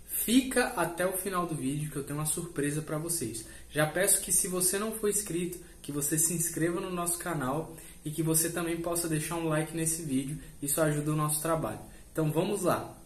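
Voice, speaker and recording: A man with a Brazilian Portuguese accent teaching a pronunciation lesson, speaking clearly and repeating each word slowly for drilling. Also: on the high side, slight background noise. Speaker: language teacher.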